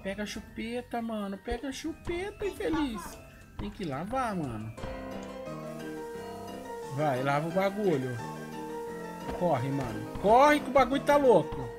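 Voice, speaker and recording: A middle-aged Brazilian man giving casual, excitable gameplay commentary full of slang and exclamations, recorded in a room at home. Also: sits high, measured pace, pauses often. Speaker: gaming video host. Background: music.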